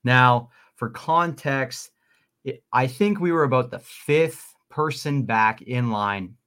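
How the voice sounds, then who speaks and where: Casual young man, excited, ums and uhs, sports podcast co-host. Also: medium pitch, slow. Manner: excited, rambling with fillers. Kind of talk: casual storytelling.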